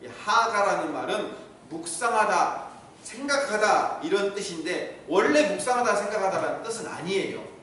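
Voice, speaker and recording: A man's voice: high voice, animated, moderate pace, a bit bright, a little hiss or hum. A middle-aged male pastor preaching a sermon, teaching and asking the congregation questions. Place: church sanctuary. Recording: echoey hall, mic from far off.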